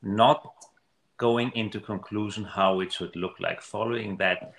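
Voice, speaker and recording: A man giving an earnest, animated motivational talk in a casual conversation. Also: fairly low pitch, measured pace, vocal fry, reverberant. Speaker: guest speaker on money mindset.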